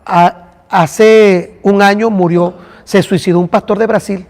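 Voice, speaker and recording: A man's voice: high voice, steady tone, measured pace, darkish tone, long reverb tail. A man, a pastor teaching a church class and talking directly to listeners by name. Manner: addresses listeners by name, conversational.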